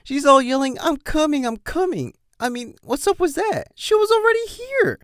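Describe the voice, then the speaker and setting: A man's voice: extremely high pitch, lively intonation, normal speed, a bit bright, dry recording, clean studio sound, pitched above the performer's own voice. A man voicing a young male pony colt who is cocky and whines and stammers when pleading.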